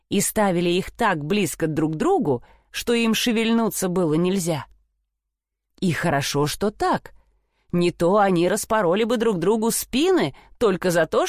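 A woman narrating a fairy tale in an expressive, playful storybook reading. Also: mid-range voice, dry recording, clean studio sound.

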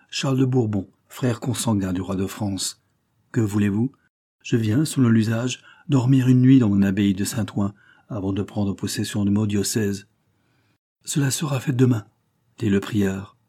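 A man reading a historical novel aloud as scripted narration, measured, lifting his voice for the characters' lines. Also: warm tone, husky. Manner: measured reading, raising pitch and volume for dialogue. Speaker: audiobook reader.

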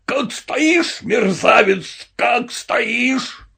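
A man's voice: extremely high pitch, lively intonation, drawn-out words, creaky, breathy edge, voice pushed up, heavily acted. A man barking as a raging red-faced colonel. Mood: furious. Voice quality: shouting, barking.

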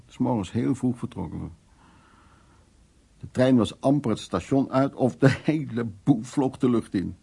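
In a radio play, an actor portrays an older man, frank and dominant, reminiscing intimately in short phrases. His voice is husky and gravelly yet mellow, sitting on the low side, and the mood is intense and grave.

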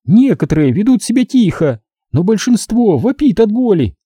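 A man voicing a sadistic young woman kidnapper who gloats and taunts in a shrill, high voice in an audiobook. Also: very animated, normal speed, warm tone, husky, dry recording, clean studio sound, full character voice. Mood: gloating. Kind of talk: audiobook character voice.

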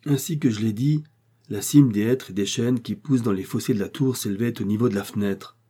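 A man narrates a classic novel in the first person, steady and measured, then bursting into passionate declarations. His voice sits low, with a husky, slightly breathy grain. The tone is dark and mellow throughout. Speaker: audiobook reader.

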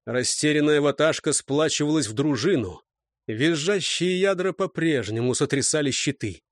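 A man's voice: a little high, moderate pace, dry recording, studio quality. A man narrating an audiobook in a dramatic, vivid reading style.

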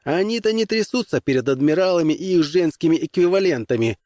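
A man's voice: a little high, animated, brisk, a little mellow, dry recording, clean studio sound, voice pushed up, natural voice. A man doing a hot-tempered young starship captain. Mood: defiant. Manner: heated, defiant, barking.

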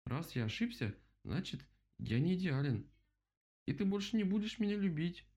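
A man voicing an anxious, timid little rabbit in a storybook reading, in a high, worried voice. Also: sing-song, normal speed, dark tone, exaggerated voice. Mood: fretful.

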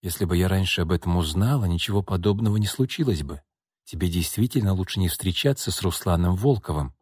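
Audiobook, man reading a weary middle-aged mother, quiet, restrained, low-key, dry close voice. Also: measured pace, slightly rough, no echo. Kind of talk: audiobook character voice.

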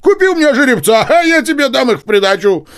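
Brash blustering landowner, shouting and pushy, pitched high, swings wildly, voiced by a man reading aloud. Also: very animated, normal speed, full character voice. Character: loud brash boastful male landowner, a bully.

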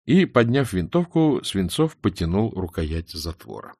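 A man narrating a humorous audiobook in a wry, measured storytelling manner. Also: sits low, sing-song, a little mellow, slightly rough, no echo, studio quality.

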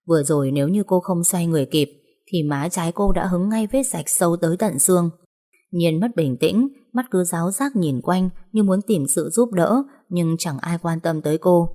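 A woman reads a romance story aloud in a steady, even narrating voice. Her voice sits somewhat low for a woman. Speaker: audiobook narrator.

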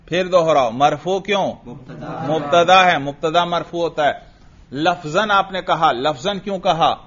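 A man's voice: a little high, a bit bright. Man teaching grammar on a dull recording. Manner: quizzes students and has them repeat. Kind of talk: classroom lecture with drilling questions.

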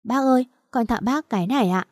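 A woman voicing a meek young schoolteacher who speaks softly and deferentially. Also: a little high, brisk, no echo, studio quality, pitched above the performer's own voice, lightly acted. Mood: polite. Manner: soft and deferential.

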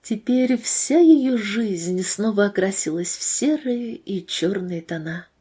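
Brief: a woman reading a faith story, gentle and emotional, with a husky, mellow voice. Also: mid-range voice, lively intonation, slow. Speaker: narrator.

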